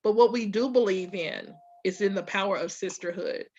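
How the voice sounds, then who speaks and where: A woman with a Southern US accent and a middle-pitched voice talks informally to her followers. She is emphatic, builds repeated lists and keeps checking that listeners follow. The sound is dull and lo-fi, like online audio. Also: moderate pace, darkish tone. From Louisiana, USA. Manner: emphatic, repetitive lists, checks in with "okay" and "right". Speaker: spiritual group facilitator and host. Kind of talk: informal promotional talk to followers.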